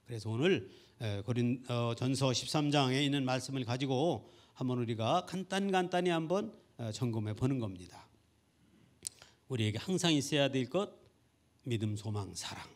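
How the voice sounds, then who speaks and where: Male pastor, middle-aged, mid-range voice; earnest storytelling sermon with fervent loud peaks. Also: medium pitch, expressive, moderate pace. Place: church sanctuary during Sunday service.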